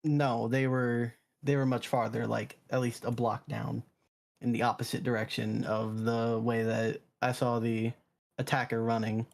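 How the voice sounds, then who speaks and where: A man's voice: medium pitch, level tone, unhurried, gravelly. A man acts as witness in an online mock trial. His voice sits mid-range. He stammers and repeats words while recalling details. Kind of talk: mock trial role-play.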